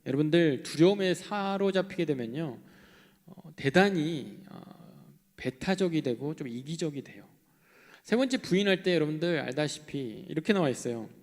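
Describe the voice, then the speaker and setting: A young man preaching a sermon in an animated way, swinging between loud outbursts and hushed asides. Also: a little high, normal speed. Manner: animated, acting out quoted voices, shifting between loud and hushed. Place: church hall. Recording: long hall reverb.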